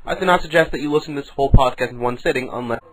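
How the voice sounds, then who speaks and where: A man with a slightly husky voice opens a podcast episode in a formal, announcer-like manner. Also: medium pitch, very fast, rough recording. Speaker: podcast host. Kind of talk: podcast hosting.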